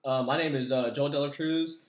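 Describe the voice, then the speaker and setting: A nineteen-year-old man from California co-hosting a casual podcast chat, hesitant and slangy, with halting phrasing. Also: mid-range voice, fairly even intonation, dull audio. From California, USA. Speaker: podcast co-host.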